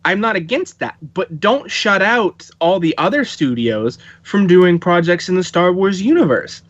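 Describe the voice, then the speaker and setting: A man's voice: high voice, expressive, unhurried, no room sound. A man arguing his opinions in a casual podcast chat, with lots of "you know" fillers. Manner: emphatic, opinionated, many fillers. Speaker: podcast guest. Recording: dull, lo-fi, dry sound.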